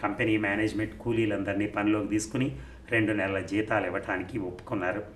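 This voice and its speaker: A man reading a story aloud as an audiobook narrator, at a steady, even pace. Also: fairly low pitch, quick pace. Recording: roomy recording, faint noise.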